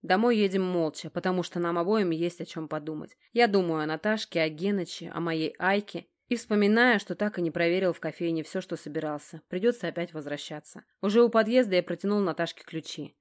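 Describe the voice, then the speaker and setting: A woman narrating a first-person audiobook in a measured, expressive storytelling manner. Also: fairly low pitch.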